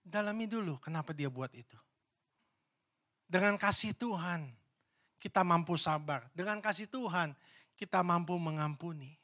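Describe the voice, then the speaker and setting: A male pastor preaching a sermon in a church, swinging between loud, emphatic questions to the congregation and hushed, low asides. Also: normal speed, long pauses.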